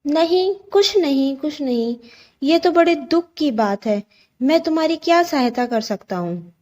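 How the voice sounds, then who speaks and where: A woman's voice: sits high, animated, a little slow, a little mellow, voice pushed up. A woman voicing a clever, wary male jackal in a storybook lesson, who mutters cautiously to himself and questions the others. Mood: muttering.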